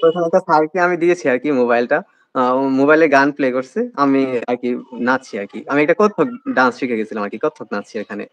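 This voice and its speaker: A man's voice: mid-range voice, quick pace, no echo. A young man telling the story of his admission test in a casual interview, with a Bangladeshi Bengali accent and many hesitant fillers. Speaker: admission candidate, guest.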